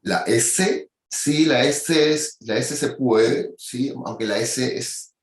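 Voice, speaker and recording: A man's voice: mid-range voice, slow pace, roomy sound. A man giving a university anatomy lecture, checking in with his students again and again. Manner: explanatory, peppers speech with "¿ya?" and "¿cierto?".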